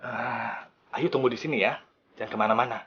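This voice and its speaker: An actor playing a panicked father, frantically hushing and soothing his crying children. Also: mid-range voice, fairly even intonation, brisk, far from the mic, lo-fi sound, slight background noise, natural voice. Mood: frantic hushing. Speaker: father in a reenactment.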